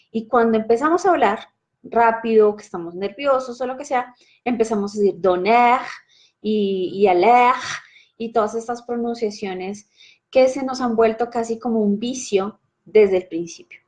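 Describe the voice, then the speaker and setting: A woman teaches French pronunciation to the viewer. She talks in a lively, direct, conversational way, often checking that the listener is following. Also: fairly high pitch. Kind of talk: casual teaching monologue.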